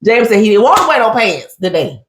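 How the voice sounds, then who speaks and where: A woman's voice: on the high side, fairly quick, roomy sound, noisy background. A woman chatting casually on a talk show, telling stories with lots of animation, acting out quotes and calling her listener "honey". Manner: animated storyteller who acts out quotes and keeps saying "honey". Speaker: co-host. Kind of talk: casual chat recapping a reality show.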